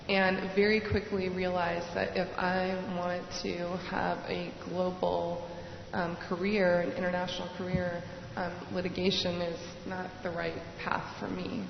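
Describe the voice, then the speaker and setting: A woman's voice: fairly low pitch, creaky, a little hiss or hum. A woman from Hong Kong, a panel speaker, telling her story reflectively with frequent fillers. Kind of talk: personal story at a panel event. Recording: dull echoey hall with faint ambience.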